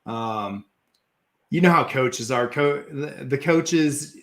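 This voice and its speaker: A man's voice: mid-range voice, slow, a bit bright. Laid-back man hosting a casual chat. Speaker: podcast host, former pitcher.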